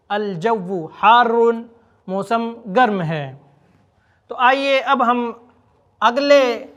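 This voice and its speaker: A man's voice: sits high, pushed and bright. Patient male language teacher. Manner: slow, drawn-out repetition of example phrases. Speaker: Arabic teacher. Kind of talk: spoken language lesson.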